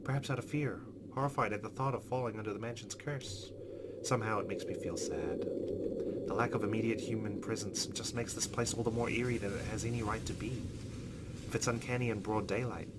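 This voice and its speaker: Over loud, constant background noise, a brisk man with a voice on the low side reads out a visual novel's narration for his let's play, breaking off for his own comments.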